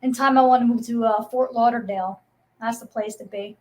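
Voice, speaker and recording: A woman's voice: fairly high pitch, fairly even intonation, fairly quick, darkish tone. A woman hosting her live stream in casual chat, chatty and agreeable. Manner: chatty, agreeable, lots of yeahs.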